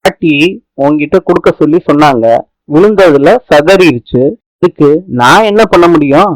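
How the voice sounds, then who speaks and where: Guy playing a flustered defensive husband, kinda high voice. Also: normal speed, dry recording, lightly acted, poor audio. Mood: exasperated. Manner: defensive, exasperated.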